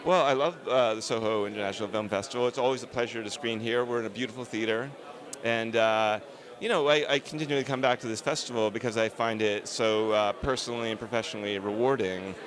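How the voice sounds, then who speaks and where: A man's voice: fairly low pitch, fairly even intonation, fast, crowd noise. A man, a film director, answering interview questions on a red carpet in an earnest, emphatic, discursive way.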